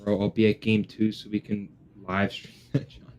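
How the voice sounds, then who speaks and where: A man's voice: fairly low pitch, completely flat delivery, normal speed, a little mellow. A young man hosting a sports watch party, chatting casually like a frat bro with lots of bro and dude. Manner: frat-bro slang, constantly says bro and dude. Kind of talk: casual live stream chat.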